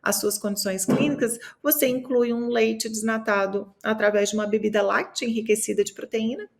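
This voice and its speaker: A woman's voice: on the high side, steady tone, brisk, gravelly. A woman from Minas Gerais talking about food in a casual podcast chat, explaining with many fillers and tag questions. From Minas Gerais, Brazil.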